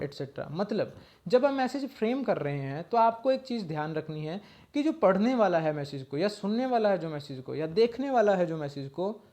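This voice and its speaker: Man, high-pitched, exam-prep teacher, lecture off slides, checks in with "okay". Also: a little mellow. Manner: explains step by step, often checks in with a short "okay" and reads lines out in English.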